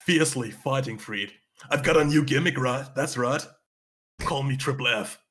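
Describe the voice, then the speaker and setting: A man co-hosting a wrestling podcast, recapping matches in a relaxed way with dry teasing humor. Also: mid-range voice, normal speed. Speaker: podcast co-host. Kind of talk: casual wrestling chat.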